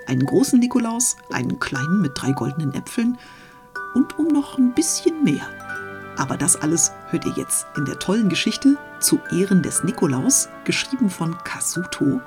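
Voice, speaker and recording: A woman welcoming listeners to her reading channel in a cheerful, friendly introduction. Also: fairly low pitch. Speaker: channel host. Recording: voice over background music. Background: music.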